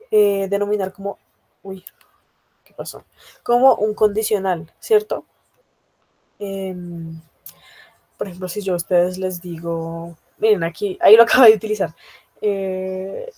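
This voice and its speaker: Patient woman teacher, mellow and dry. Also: mid-range voice, dry recording. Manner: patient, checks understanding often; many hesitation fillers. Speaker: language teacher. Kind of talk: explaining a grammar lesson to a class.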